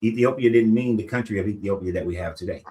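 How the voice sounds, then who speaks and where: Low-voiced man explaining history. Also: quick pace, mellow, poor audio. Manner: explanatory, rhetorical asides. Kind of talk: casual discussion.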